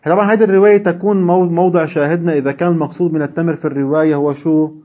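A man's voice: on the high side, steady tone, racing, dark tone, lo-fi sound. A man teaching a seminary class, reading classical texts and explaining them in dialect with chuckling asides. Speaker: religious studies teacher.

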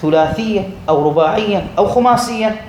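High-voiced man teaching in an echoey room. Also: brisk. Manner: repeats words for students, checks understanding. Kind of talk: classroom grammar lesson. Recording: echoey room, faint noise.

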